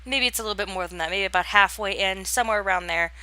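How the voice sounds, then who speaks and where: In a casual voice-over, a young gaming channel host walks through her home build in a game, talking fast in a bright, forward, mid-range voice. She rambles and hesitates, full of fillers and restarted sentences, and yawns and laughs along the way. There's no room sound at all on the dry recording.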